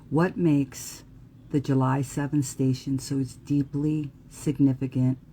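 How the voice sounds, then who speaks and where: Mellow-voiced New Jersey woman. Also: very deep voice, slight background noise. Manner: earnest, emphatic, occasional profanity. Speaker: astrologer. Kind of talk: live astrology talk.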